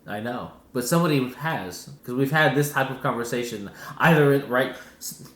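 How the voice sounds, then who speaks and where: A man's voice: medium pitch, animated, normal speed, a bit bright. A young man co-hosting a podcast in casual banter, laid-back, laughing often, with reflective asides. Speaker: podcast co-host. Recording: roomy home recording.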